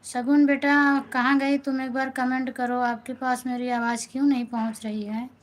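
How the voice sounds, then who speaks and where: A woman's voice: sits high, flat delivery, normal speed, rough recording. A middle-aged woman from north India hosting a live stream on her phone, chatting with viewers, greeting them by name and thanking them again and again. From Awadh, north India. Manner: chatty, warm-toned greetings, repeats thanks, reads out viewer names.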